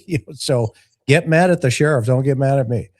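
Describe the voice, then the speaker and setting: A man's voice: medium pitch, normal speed, a little mellow. A man hosting a live call-in show, giving casual, opinionated commentary in a blunt, folksy way with rhetorical asides. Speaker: talk show host and investigator.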